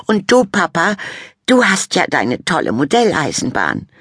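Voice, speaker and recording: A woman's voice: lowish voice, wildly swooping pitch, a little slow, breathy edge, no room sound, studio quality, voice pushed up, heavily acted. A woman voicing a vain, bossy fourteen-year-old girl who talks in a boastful, snippy, sing-song way. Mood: preening.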